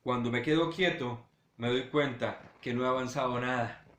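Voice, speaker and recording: A male pastor giving a sermon, talking straight to his listeners and swinging between loud urging and hushed low passages. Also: normal speed, reverberant. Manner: direct address to listeners.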